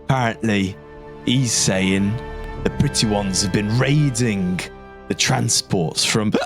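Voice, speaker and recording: Man as grumbling guardsman, gossipy and weary, slow halting delivery, lowish pitch, tabletop role-play, soft music. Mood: dismissive gossip. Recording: music under the voice.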